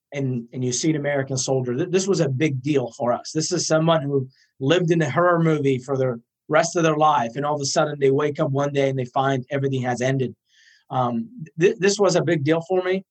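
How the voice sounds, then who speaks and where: A man from Iraq in his thirties, a guest in an interview, speaking earnestly and emphatically and piling up points in lists. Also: mid-range voice. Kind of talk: impassioned interview answers.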